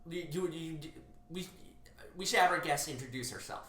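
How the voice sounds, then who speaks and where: A man co-hosting a comedy podcast in casual chat, halting and full of fillers like "like" and "yeah". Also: a little high, sharp tone, echoey room. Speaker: podcast co-host.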